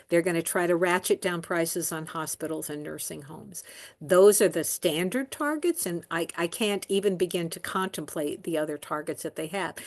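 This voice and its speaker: A woman presenting health policy in a webinar, answering questions with frequent ums and restarts. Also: on the low side. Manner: rambling, many ums and restarts.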